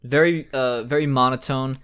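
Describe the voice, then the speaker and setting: A man co-hosting a casual chat, talking in a relaxed way with many fillers. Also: medium pitch, moderate pace, clear, resonant tone. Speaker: co-host.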